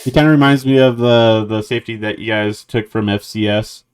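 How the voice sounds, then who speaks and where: A man's voice: on the low side, steady tone, a little fast, clear, resonant tone. A man co-hosting a casual sports podcast, ribbing his friends with dry sarcasm. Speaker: podcast co-host.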